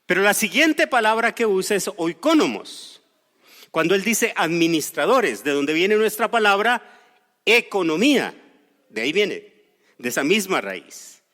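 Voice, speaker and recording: A pastor from Costa Rica, speaking with a Costa Rican Spanish accent, gives a storytelling sermon that explains scripture with personal experiences and mild humor. His voice is high and a bit bright, echoing in a large hall.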